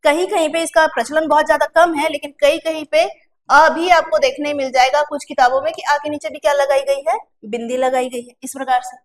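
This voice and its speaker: High-voiced woman teaching Hindi pronunciation. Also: fairly even intonation. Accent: Chhattisgarh Hindi. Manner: explains step by step, asking and answering her own questions; slows to drawn-out pronunciation drills. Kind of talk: exam-prep classroom lesson.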